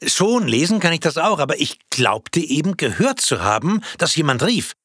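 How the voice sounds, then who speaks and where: A man's voice: on the high side, sing-song, normal speed, fairly bright tone, breathy edge, dry recording, clean studio sound, pitched above the performer's own voice, heavily acted. A man voicing a puzzled, hesitant character who stumbles over his words in a read-aloud story. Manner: hesitant, with filler sounds. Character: puzzled man reading along, unsure, hesitant.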